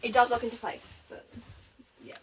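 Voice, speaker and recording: A woman's voice: a little high, steady tone, normal speed. Young aussie woman showing off her bus, chatty, laughs a lot, camera a bit far off with noise. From Australia. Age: early 20s. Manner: chatty, laughs often, recommends things. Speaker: vlogger giving a bus tour. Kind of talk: casual home tour. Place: inside a converted bus. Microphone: camera held by her sister. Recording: camera at a distance with background noise.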